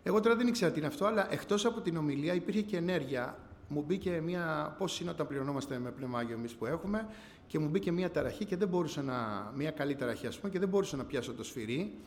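A man giving a personal testimony to a church gathering, telling his story earnestly, often rising and falling in pitch and loudness. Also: expressive. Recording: long hall reverb, faint background noise.

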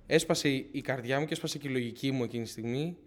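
A young man tells his congregation a personal faith testimony in an earnest, searching way. He circles back, restarts phrases and keeps retelling his own words as he goes. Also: mid-range voice. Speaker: church member giving testimony.

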